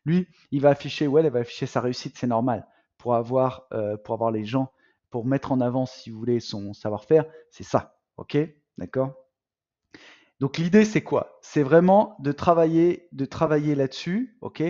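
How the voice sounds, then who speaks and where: A man's voice: medium pitch, moderate pace, highs cut off. A man coaching would-be entrepreneurs in a live online masterclass, talking to the audience as friends, with lots of fillers and restarts. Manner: animated, addresses audience as "les amis", many fillers. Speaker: business coach.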